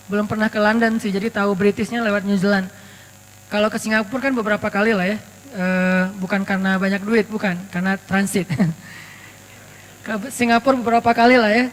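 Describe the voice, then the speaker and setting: A man's voice: very high-pitched, a bit bright. A man from Aceh giving a casual, chatty sermon, telling stories with joking asides. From Aceh, Indonesia. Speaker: preacher. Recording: reverberant hall with mains hum.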